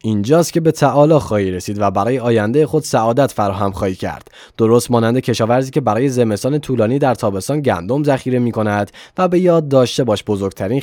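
Calm male audiobook narrator, dry sound. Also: medium pitch, dry recording. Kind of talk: scripted narration.

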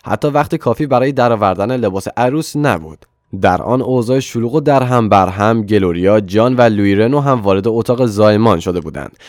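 A male narrator reads a novel aloud in a steady, even storytelling manner. His voice sits low and the recording is dry and close. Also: dry recording. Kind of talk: scripted audiobook narration.

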